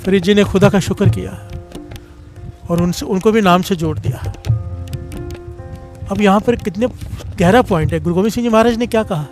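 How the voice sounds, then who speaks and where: High-voiced man preaching a sermon. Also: normal speed, long pauses, a little mellow, soft background music. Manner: storytelling, half-sung phrases, swells in pitch when moved. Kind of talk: devotional sermon with call-and-response.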